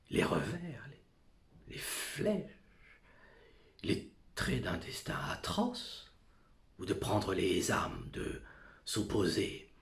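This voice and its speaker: A man performing an anguished, brooding tragic figure in a theatrical monologue, halting and fragmented, moving between whispers and outbursts. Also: deep voice, vocal fry, reverberant, heavily acted. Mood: tormented, searching.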